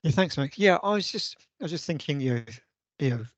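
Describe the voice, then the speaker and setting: On a video call, the vice chair of a users' group offers ideas hesitantly, restarting often during a casual online meeting. His voice is slightly high and a little fast, with lively intonation, and the audio is dry and dull.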